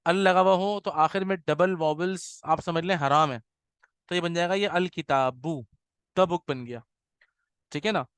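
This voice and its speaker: A patient man teaching a grammar class, repeating examples slowly and checking in with his students. His voice sits a little high and comes across smooth and crisp. The sound is dry and close, with no room echo. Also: a bit bright. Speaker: Arabic teacher.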